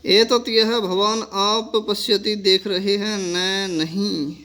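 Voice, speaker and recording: Slow, high-voiced male teacher glossing text. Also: flat delivery, bright, forceful tone. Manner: glosses each word, then repeats the full sentence; asks and answers his own questions. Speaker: Sanskrit teacher. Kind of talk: word-by-word textbook translation lesson.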